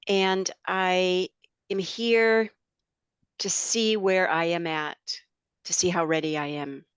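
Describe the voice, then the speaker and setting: A woman introducing herself in an online class, unhurried and reflective, over a video call. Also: fairly low pitch, fairly even intonation, smooth, dry recording. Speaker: class participant. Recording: dull dry video call audio.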